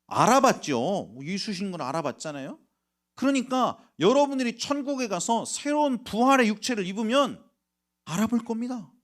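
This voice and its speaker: A middle-aged male pastor preaching a sermon, telling stories with sudden shifts between hushed whispers and loud outbursts. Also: sits high, very animated, moderate pace. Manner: storytelling, swings from quiet whispers to loud emotional outbursts.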